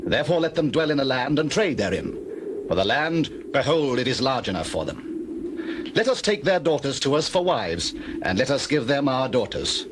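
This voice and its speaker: A formal, reasoning town elder of Bible times performed by a man persuades in dramatized scripture style. The mid-pitched voice rises and falls widely over clear background noise with birds. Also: big pitch swings, normal speed, close to an everyday voice. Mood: reasoned persuasive. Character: persuasive biblical town elder addressing his men.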